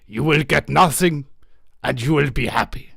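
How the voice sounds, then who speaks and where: A man's voice: medium pitch, normal speed, creaky, a bit bright, breathy edge, no echo, clean studio sound, full character voice. A man voicing a stern Santa Claus with a blunt, dismissive manner.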